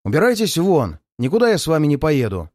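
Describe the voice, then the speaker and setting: A man reading aloud, voicing an arrogant, hot-tempered rich gentleman who snaps indignantly. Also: on the high side, huge pitch swings, fast, dry recording, studio quality. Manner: haughty, snapping, indignant.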